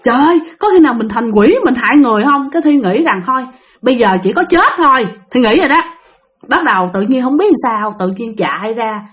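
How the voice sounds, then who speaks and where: A woman's voice: high-pitched, a bit bright. A woman telling a spooky first-person story to her listeners, exclaiming often and calling herself by name. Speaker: storyteller of spiritual experiences.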